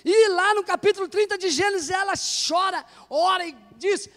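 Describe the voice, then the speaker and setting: High-voiced Brazilian pastor preaching. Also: male voice, normal speed. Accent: Brazilian Portuguese. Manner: humorous, animated preaching with jokes. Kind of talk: sermon. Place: church. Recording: long church hall reverb.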